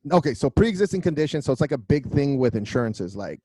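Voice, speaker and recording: Male comedy podcast co-host, mid pitch, profane anecdotal storyteller, close dry sound. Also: quick pace, dry recording, low-quality recording. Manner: profane, animated, acts out quoted voices.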